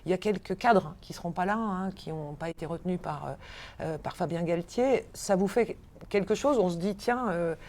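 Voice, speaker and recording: Female radio host, low and mellow, halting question style. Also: slight background noise. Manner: halting, many fillers and restarts. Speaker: radio interviewer. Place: radio studio.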